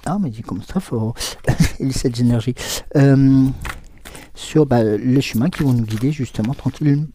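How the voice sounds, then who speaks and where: A man's voice: mid-range voice, normal speed, dark tone, a little hiss or hum. A man giving a live oracle card reading, hesitant and full of fillers, answering viewers' comments as he goes. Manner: hesitant, many fillers and restarts.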